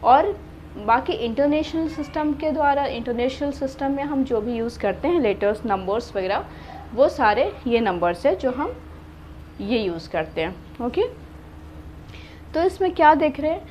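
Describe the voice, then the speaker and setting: A woman's voice: high-pitched, expressive, normal speed, darkish tone, slight background noise. A woman teaching a math lesson, patiently counting out number places and asking questions before she answers them. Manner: patient, repeats and asks herself questions.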